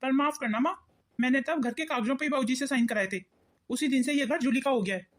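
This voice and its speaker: Woman doing a cartoon son, cold and firm, fast talker, high voice. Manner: coldly firm, quick. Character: cold grown son siding with wife. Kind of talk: cartoon voice acting.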